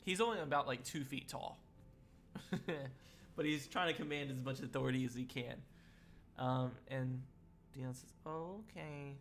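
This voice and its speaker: A man's voice: mid-range voice, steady tone, normal speed, pauses often, slight background noise. A man narrating a tabletop role-playing game as game master, rambling and chuckling with many fillers.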